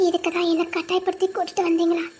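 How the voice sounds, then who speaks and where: A woman's voice: very high-pitched, completely flat delivery, very fast, a little mellow. A woman voicing an anxious but firm young wife who scolds and worries. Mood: scolding.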